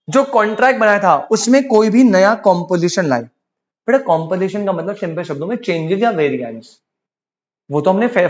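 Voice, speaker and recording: In this lo-fi recording, a high-voiced man with an Indian accent gives a relaxed commerce law lecture in a mix of Hindi and English. He calls his students "beta" and keeps tossing rhetorical questions at them.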